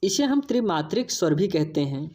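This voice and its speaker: A woman's voice: lowish voice, very animated, normal speed, dark tone. A woman teaching an exam-prep lesson, explaining patiently, repeating key points and addressing viewers as friends.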